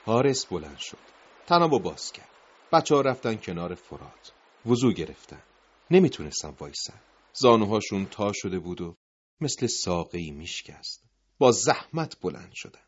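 A man's voice: on the low side, sing-song, slightly rough. A man narrating a dramatic story in a grave, emotive voice, in a dull lo-fi recording.

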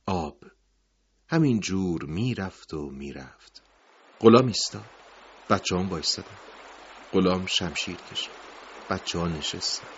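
A man's voice: low-pitched, lively intonation, long pauses, husky. A man narrating a dramatic story in a grave, emotive voice, in a dull lo-fi recording.

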